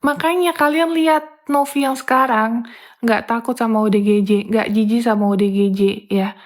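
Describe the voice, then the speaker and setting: Animated high-voiced woman. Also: normal speed. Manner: animated, acts out quoted dialogue. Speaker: content creator telling a work story. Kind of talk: casual storytelling to viewers.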